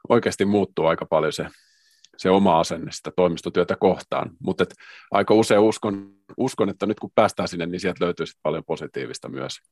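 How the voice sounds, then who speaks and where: Deep-voiced man, dry close sound. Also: darkish tone, no echo. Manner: measured, hedging, many restarts. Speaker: podcast co-host. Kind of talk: casual discussion on work culture.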